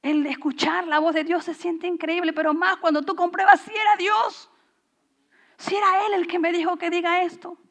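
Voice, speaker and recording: A woman's voice: very high-pitched, fairly even intonation, normal speed, a bit bright. A middle-aged woman pastor preaching a sermon in a conversational, storytelling way, acting out the lines of the people in her stories.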